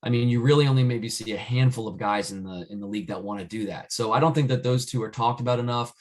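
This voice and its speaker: A man's voice: medium pitch, fast talker. Rambling man talking football. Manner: rambling, many restarts and "I mean". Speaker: podcast co-host. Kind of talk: casual sports chat.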